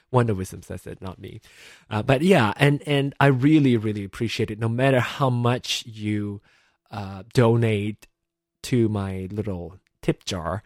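A man's voice: lowish voice, measured pace, darkish tone, no echo. Man from Malaysia, podcast host, 30s, casual rambling chat, giggly, dry close mic, home computer setup. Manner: chatty, giggly, rambling with many fillers.

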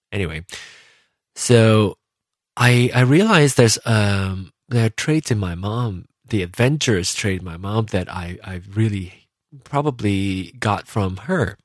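A man hosting a podcast, talking casually and reflectively about himself, often pausing and rephrasing as he thinks aloud. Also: on the low side, lively intonation, dry recording, clean studio sound. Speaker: podcast host. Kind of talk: casual reflective personal monologue.

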